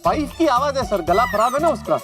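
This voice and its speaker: Flustered male sitcom underling, stammering and eager to placate, high animated voice. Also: a little fast, loud music behind the voice. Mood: flustered, pleading. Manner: stammering, repeats himself. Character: flustered, deferential male employee making excuses. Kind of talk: sitcom acting.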